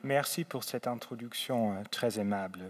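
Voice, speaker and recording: A man with a German accent from Saarland gives a formal, measured academic lecture as a guest theologian. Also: mid-range voice. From Saarland, Germany, on the French border. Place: large lecture hall at a faculty. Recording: echoey hall with long reverb.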